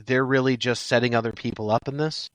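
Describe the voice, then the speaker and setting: Male podcast co-host, joking banter, steady recap reading, dry close sound. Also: medium pitch, quick pace, dry recording, rough recording. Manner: joking, reads summaries steadily. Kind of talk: casual chat and read plot summary.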